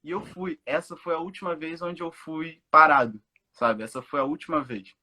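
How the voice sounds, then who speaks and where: A young actor from São Gonçalo speaks with a Rio de Janeiro accent in a fairly high, bright and forceful voice. He tells his story vividly and acts out the quoted lines. This is a casual interview. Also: steady tone, moderate pace. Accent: Rio de Janeiro Portuguese. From Brazil, São Gonçalo. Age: young adult. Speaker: actor guest.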